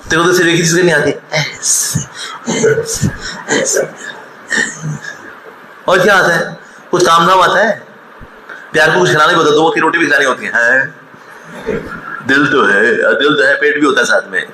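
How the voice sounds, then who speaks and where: Pausing often, a man in his forties speaks at normal speed with a fairly high, bright, forceful voice. His motivational talk mixes storytelling with scolding and mockery, including acted quotes, and the echoey hall carries faint ambience and slight background noise.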